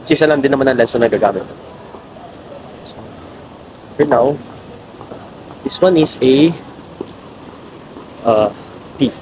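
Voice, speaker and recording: A man's voice: medium pitch, a little slow, pauses often, darkish tone. A man with a Filipino accent, chatting casually to viewers while walking through a city at night. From Philippines. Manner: chatty, mixes Tagalog and English, addresses viewers as guys. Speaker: travel vlogger. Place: city street at night, outdoors. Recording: noisy outdoor street recording. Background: street and traffic noise.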